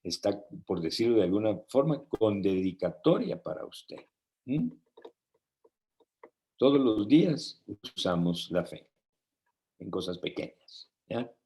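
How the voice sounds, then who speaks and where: A man with a lowish, dark voice preaches a conversational sermon, very animated yet slow, with long pauses. He shares personal stories with light laughter and keeps checking in with listeners through frequent tag questions.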